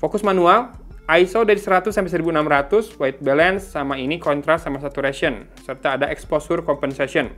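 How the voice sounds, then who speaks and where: Talking fairly quickly in a somewhat bright, high-leaning voice, a man offers relaxed unboxing and review commentary on a gadget, musing aloud while reading its specs, with faint music in the background.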